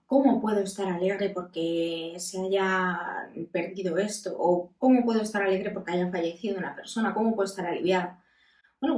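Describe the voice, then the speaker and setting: A woman in her thirties talks as a psychologist, calm and candid, often pausing to find her words. Her voice rings in a roomy space, picked up from a little distance. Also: medium pitch. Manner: calm, candid, with many pauses. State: voice breaking with emotion. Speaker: psychologist and podcast host. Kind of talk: reflective self-help talk. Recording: roomy echo, mic at a distance.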